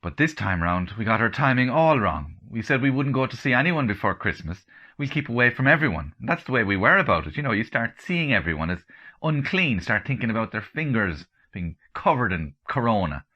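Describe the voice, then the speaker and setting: A man with an Irish accent giving a comic first-person reading, telling the story dryly with deadpan asides. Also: medium pitch, brisk, highs cut off. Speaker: comedian and author reading.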